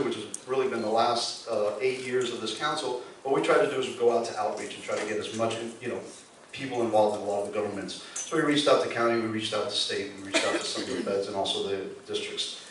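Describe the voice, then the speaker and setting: A man's voice: fairly low pitch, a little hiss or hum. A man in his sixties from Cuba, giving a friendly, joking campaign speech at a community forum. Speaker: candidate speaking at a community forum. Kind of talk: public speech. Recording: echoey hall from far off.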